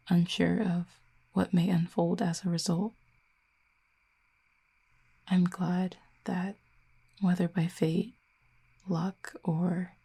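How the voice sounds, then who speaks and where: A woman with a lowish voice plays Cupid in an intimate audio roleplay, exaggerating the character as wry, tender and guarded. She speaks softly and huskily with a breathy quality, using gentle, somewhat formal phrasing.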